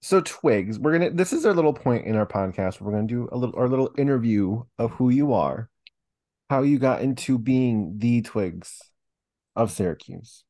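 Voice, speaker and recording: A man co-hosting a podcast, playful and sassy, quick to laugh. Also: mid-range voice, lively intonation, dark tone. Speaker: podcast co-host. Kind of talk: casual chat.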